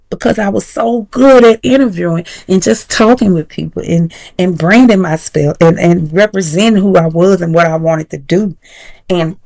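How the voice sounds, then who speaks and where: A woman teaching confidence habits in a casual, encouraging way, slowing down to stress key points. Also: lowish voice, creaky, a little mellow. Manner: casual, encouraging, slows down for emphasis. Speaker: confidence coach. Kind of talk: motivational tutorial.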